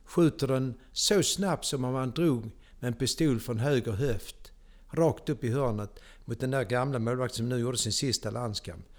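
An older man with a Scanian Swedish accent tells stories from his life in a lively, theatrical way. He speaks at an everyday pitch and breaks into sudden loud exclamations now and then. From Sweden. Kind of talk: animated personal storytelling.

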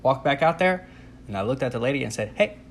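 A man's voice: mid-range voice, animated, quick pace. A young man with an ordinary mid-range voice tells a comic personal story in a loose, casual way. He pokes fun at himself and acts out his own reactions. Faint ambient noise sits behind him.

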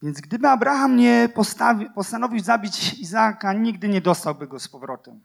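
A man preaches a passionate sermon full of repeated phrases and rhetorical questions, swinging between loud declarations and hushed, quiet lines. His voice is high-pitched, expressive and creaky, at a normal speed.

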